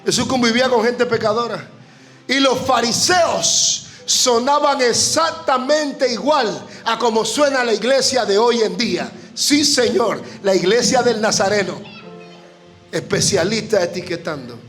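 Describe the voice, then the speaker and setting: A man with a Panamanian Spanish accent, a guest preacher giving an impassioned sermon to a church congregation. He often shouts and climbs to emotional peaks. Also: extremely high pitch, measured pace, soft background music.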